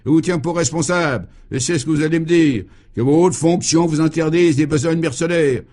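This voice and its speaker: For a 1950s radio play, a man with a fairly high, darkish voice and a slightly fast delivery plays a blustering, short-tempered governor. With light acting, he bellows sputtering tirades in a fury.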